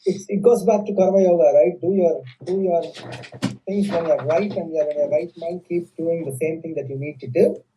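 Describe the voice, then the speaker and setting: Very dark, muffled male voice. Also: on the high side, steady tone, normal speed. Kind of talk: informal spiritual discussion. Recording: very muffled, faint background noise.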